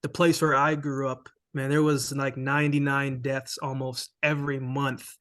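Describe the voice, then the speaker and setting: A Jamaican former sprinter tells his story as a guest in a casual interview, speaking at normal speed in a mid-range voice. He's relaxed, tagging his lines with "man" and "right?".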